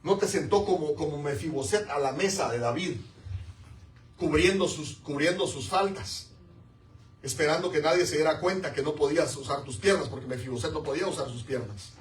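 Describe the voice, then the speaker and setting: A pastor preaches a sermon, emphatically repeating key words and urging the congregation to respond. His voice sits on the high side at a moderate pace, and the recording is echoey, with the mic placed far away.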